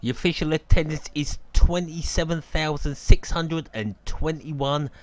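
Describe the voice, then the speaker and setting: A man's voice: on the high side, a little slow. A man giving casual live football commentary from an outdoor stadium on a cold evening, chatty and opinionated and laughing at his own jokes.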